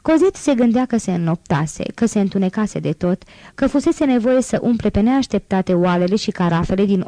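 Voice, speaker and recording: A woman reading a classic novel aloud as an audiobook, in a calm, measured storytelling manner. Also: medium pitch, no echo. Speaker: audiobook reader.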